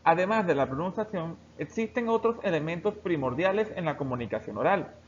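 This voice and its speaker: A man with a fairly high voice gives a recorded lesson. He explains each point steadily and speaks straight to his students. The recording sounds dull and lo-fi, with a faint hiss behind it. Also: a little fast. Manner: steady explanatory delivery, addressing students directly. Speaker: teacher.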